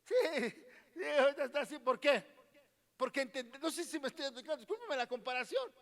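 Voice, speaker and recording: Male pastor, Mexican Spanish accent, high-pitched, sermon with many rhetorical "¿verdad?", echoing hall. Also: lively intonation, quick pace, a bit bright. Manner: questioning the congregation, repeats words, frequent "¿verdad?". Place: church hall.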